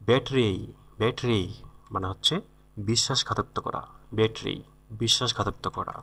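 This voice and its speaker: A man's voice: lowish voice, steady tone, moderate pace, vocal fry, sharp tone. A man teaching English vocabulary, repeating each word and its meaning and correcting pronunciation. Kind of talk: vocabulary lesson.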